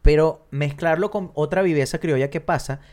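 A man in casual film talk, animated and acting out lines from scenes. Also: fairly high pitch, normal speed. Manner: animated, acts out movie lines.

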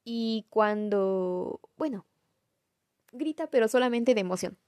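A woman's voice: a little high, animated, takes it slowly, a little mellow, no room sound, clean studio sound. Giggly young Mexican woman vlogging. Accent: Mexican Spanish. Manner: chatty, self-mocking, giggly. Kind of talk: casual storytelling vlog.

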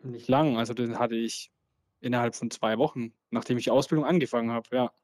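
A man's voice: mid-range voice, steady tone, a little fast, a little mellow. A man speaking as a guest on a phone call, answering in loose, chatty short replies. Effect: heard over a phone line. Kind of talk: casual chat. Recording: distant phone-call audio.

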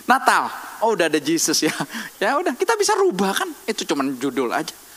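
A man preaching a sermon in a lively, conversational way, teasing the congregation with questions. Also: sits high, brisk. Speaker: pastor. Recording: long hall reverb.

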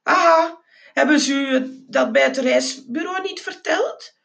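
A woman voicing a sluggish male rodent chauffeur with a drawling, unhurried way of talking. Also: sits high, fairly bright tone, voice pushed up. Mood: knowing.

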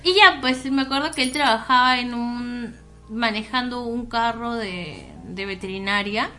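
Woman chatting, kinda high bright voice, self-mocking, laughs a lot, faint music behind. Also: measured pace. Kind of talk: casual chat, telling a personal story.

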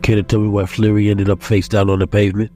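A man's voice: on the low side, little pitch movement, quick pace, mellow, close to an everyday voice. A man voicing a hard-nosed detective who asks clipped, pressing questions, with music underneath. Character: hard-nosed male detective, probing and dry. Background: music bed.

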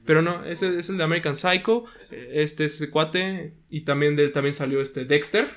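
A man's voice: a little high, normal speed, a bit bright. A young man co-hosting a casual true-crime podcast, rambling and hesitant with casual swearing. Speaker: podcast co-host.

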